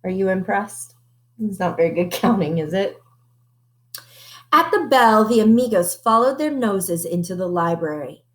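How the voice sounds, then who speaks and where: Animated woman reading a picture book aloud. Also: mid-range voice, moderate pace, roomy sound. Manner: animated, asks listeners questions. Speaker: children's book reader.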